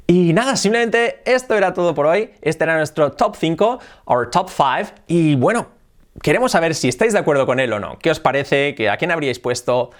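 A man with an accent from Spain teaching in a casual video lesson, switching between Spanish and English, lively, repeating words and ending phrases with "¿ok?". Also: medium pitch.

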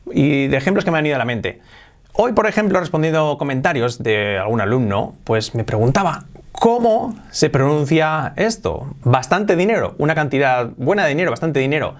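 Man, Spanish accent, young adult, English teacher, energetic, slightly high voice, repeats phrases. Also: moderate pace. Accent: Spanish from Spain. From Spain. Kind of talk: bilingual video lesson.

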